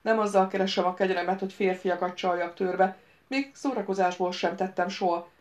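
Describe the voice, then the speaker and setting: A woman reading the part of a sharp-tongued young woman, a former bodyguard, with a cool, cutting manner, in an audiobook. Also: medium pitch, natural voice.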